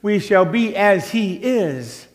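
Slow, high-voiced preacher in a reverberant church. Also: male voice, expressive. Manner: slow, measured preaching that swells loud then drops soft. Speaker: pastor. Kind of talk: sermon. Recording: long church hall reverb.

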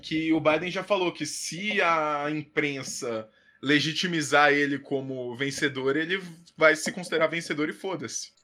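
A man co-hosting a podcast in casual political chat, throwing in quick sarcastic jabs. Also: on the high side, pushed and bright. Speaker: podcast co-host.

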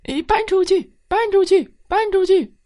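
A crowd of rowdy, greedy little mice squeaks and chants together in piercingly high voices. The storybook voices are dry and close, without room sound. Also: female voice, unhurried, dark tone, no room sound. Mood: chanting. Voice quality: shrill squeaking. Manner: chanting in unison. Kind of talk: children's bedtime storytelling.

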